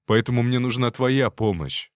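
A man's voice: mid-range voice, normal speed, no room sound, studio quality, close to an everyday voice. A man voicing a hesitant frightened young servant. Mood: confessing. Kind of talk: audiobook character voice.

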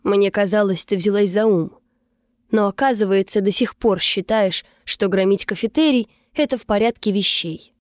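A woman's voice: mid-range voice, normal speed, no room sound, studio quality, close to an everyday voice. A woman voicing a stern, commanding young male fighter who speaks in clipped reproaches. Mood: scolding.

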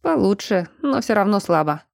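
A woman's voice: mid-range voice, big pitch swings, normal speed, vocal fry, dry recording, clean studio sound. A woman reading a male bear shapeshifter bodyguard in a teasing, bossy manner, in an audiobook.

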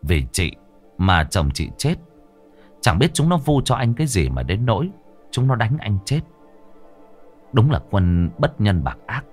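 A man narrating a ghost story in an expressive, dramatic storytelling way. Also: fairly low pitch, unhurried, pauses often, faint music behind.

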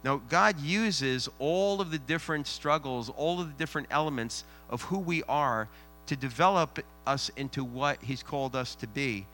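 A man's voice: medium pitch, normal speed, sharp tone, slight background noise. A man giving a sermon as a rabbi in a synagogue, preaching in a conversational way with rhetorical questions and retelling scripture in everyday words.

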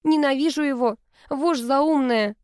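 A hot-tempered young student girl who hisses out her complaints, her voice pitched a little high and mellow, as a woman reads her part. The delivery is dry and close, with no room around it. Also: lively intonation, moderate pace, no room sound. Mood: indignant. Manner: indignant, hissing complaints.

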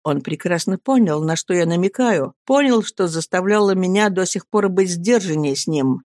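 A man narrating a first-person novel as an audiobook, in a lively, emphatic storytelling manner. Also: sits high, moderate pace, no echo.

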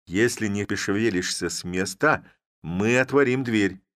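A fussy, cautious village clerk in a storybook reading, nervously reasoning with the crowd, as a male narrator puts him on. His voice is lifted and a little loud. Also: lowish voice, measured pace, no echo, studio quality. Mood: nervous urging.

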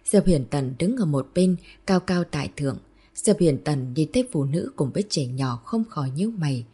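A woman giving scripted narration of a novel in a steady, even storytelling manner. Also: deep voice, normal speed, breathy edge. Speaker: audiobook narrator.

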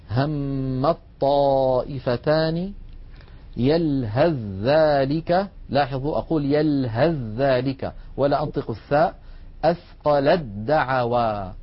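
A man teaching a lesson on recitation rules, explaining patiently and drawing out slow recited examples. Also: mid-range voice. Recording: dull lo-fi recording.

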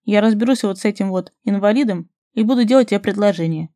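A woman reading the part of a confident young man in love, speaking softly and calmly. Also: mid-range voice, quick pace, no room sound, studio quality, close to an everyday voice. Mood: tender teasing.

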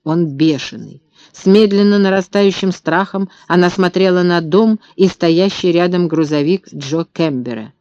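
Male audiobook narrator, steady tense storytelling, fairly high voice, dull lo-fi dry recording. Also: normal speed, hardly any pauses, smooth, no echo.

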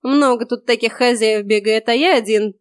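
Grumpy old bearded house spirit, put on by a woman, gruff, loud, storybook voice, dry close sound. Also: fairly high pitch, normal speed, no echo, natural voice. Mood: grumbling.

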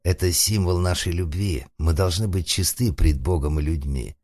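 A man's voice: low-pitched, moderate pace, darkish tone, no room sound, studio quality. A man voicing a cunning, ardent suitor who woos and takes offense with mock solemnity, in a comic audiobook. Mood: earnest wooing. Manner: earnest, mock-solemn, indignant. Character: cunning wooden-boy suitor, ardent and calculating.

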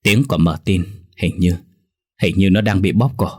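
A man narrating a first-person horror story in a tense, measured storytelling manner. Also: low voice, a little mellow, breathy edge.

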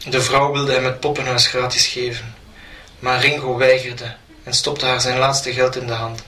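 A man reading a short story aloud in an even storytelling manner. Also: medium pitch. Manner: flat, even storytelling delivery. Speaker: narrator. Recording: roomy, distant mic, faint noise.

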